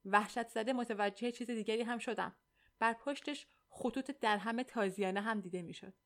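Woman narrating a novel steadily. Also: on the high side. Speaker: audiobook narrator. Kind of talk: first-person novel reading.

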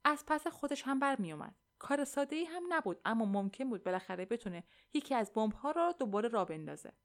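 A woman's voice: on the high side, very animated. Woman narrating a tense audiobook. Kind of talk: scripted narration of a thriller.

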